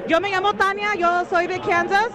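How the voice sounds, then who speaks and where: A woman's voice: very high-pitched, flat delivery, moderate pace. A woman from Mexico, a fan interviewed on the street outdoors, sending friendly greetings. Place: outdoors among fans. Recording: crowd noise behind.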